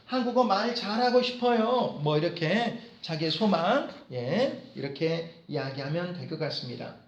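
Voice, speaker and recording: Lively, echoey lecture by a man. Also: a little high, vocal fry, highs cut off. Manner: repeats phrases slowly for students to follow. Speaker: professor teaching business Korean. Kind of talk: lecture with dialogue drills.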